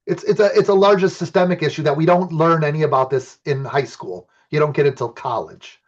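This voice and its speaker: A man's voice: fairly high pitch, a little fast. A man from Illinois gives a conversational, enthusiastic archaeology lecture with personal anecdotes over a video call. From Illinois, USA. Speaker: archaeologist giving a talk. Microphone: computer mic on a video call. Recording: dull lo-fi video call audio.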